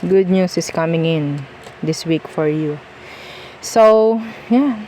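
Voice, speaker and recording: A woman's voice: lowish voice, takes it slowly, dark tone, a little hiss or hum. A woman with a Filipino accent giving a casual tarot reading, chatty and reassuring, often checking in with "okay?". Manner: chatty, reassuring, mixes Tagalog and English, frequent "okay?". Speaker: tarot reader.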